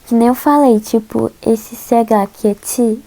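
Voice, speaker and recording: Young Brazilian woman, casual tutor, hesitant and giggly, warm low-brightness tone. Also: steady tone, measured pace, rough recording. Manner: chatty, hesitant, giggly, many fillers. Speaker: host teaching Korean alphabet. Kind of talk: casual slide lesson.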